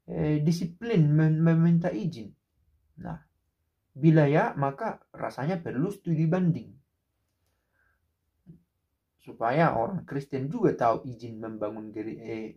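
A man in his thirties, voice a little high, chats reflectively to the camera from a small room next to a window. His commentary is casual and rhetorical, with many fillers and false starts, and the sound is muffled.

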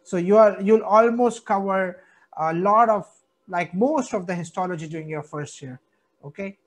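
High-pitched young Pakistani man tutoring. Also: moderate pace. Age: young adult. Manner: repeats key words for emphasis. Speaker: medical student tutor. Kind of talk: informal recorded lecture.

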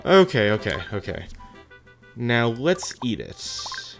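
A video game host with very lively, swinging intonation gives casual commentary on play. The delivery is animated and self-directed, like thinking out loud, with music playing behind. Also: medium pitch, slow. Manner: animated, musing aloud to self. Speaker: host of a gaming series. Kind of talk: casual gameplay commentary, reading game dialogue aloud.

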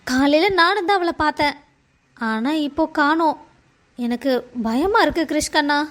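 This is a stern, scheming middle-aged aunt in a cartoon family drama, voiced by a woman. Her voice sits high, and her scolding runs melodramatic. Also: expressive, moderate pace, fairly bright tone. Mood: worried.

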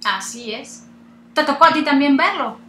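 Chatty high-voiced woman host. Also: moderate pace, echoey room. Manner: chatty and animated, laughs often. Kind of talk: casual chat interview.

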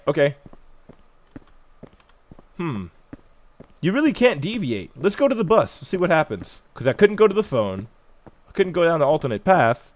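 Animated man narrating a horror game. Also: fairly high pitch, no room sound. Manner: animated, talks to the game, jumps between hushed and loud. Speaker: gaming video host. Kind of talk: horror game let's-play commentary.

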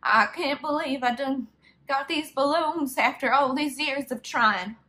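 A woman's voice: sits high, a little slow, sharp tone, voice pushed up. A woman voicing a sweet, rambling old lady in her late eighties, folksy and obtusely literal, in a prank call. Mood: sweet, excited. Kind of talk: prank phone call role-play. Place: small bedroom, indoors.

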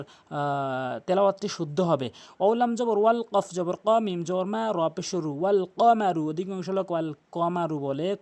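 A man teaching Quran pronunciation, spelling out letters slowly and repeating each correction. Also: high-pitched, darkish tone.

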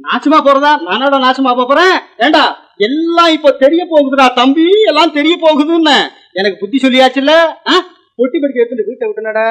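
An actor playing a stern older uncle who heads the household, grumbling with gruff interjections in 1950s film style. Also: male voice, very high voice, a little fast, fairly bright tone.

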